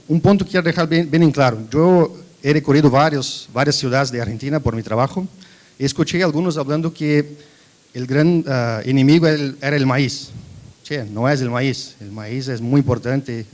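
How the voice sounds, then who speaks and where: Speaking fairly quickly in a medium-pitched, darkish voice, this native Portuguese speaker from Brazil presents technical material for an agricultural company where he does research. His talk blends Spanish and Portuguese, carried by a Brazilian accent.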